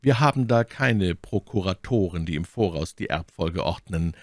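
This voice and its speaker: A man voicing a cool, mocking English lord in an audiobook, contemptuous and measured. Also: deep voice, animated, no room sound, studio quality. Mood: coldly threatening. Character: cold, mocking English lord, older brother-in-law. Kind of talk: audiobook reading.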